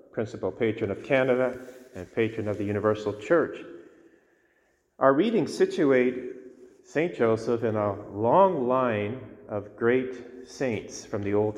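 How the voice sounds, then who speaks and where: A male priest delivers scripture and homily with solemn, deliberate phrasing. His voice sits at an average pitch. Long, cathedral-like reverberation trails each phrase in a large church. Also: dull audio. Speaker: priest reading the Gospel and preaching. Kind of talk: liturgical scripture reading and homily.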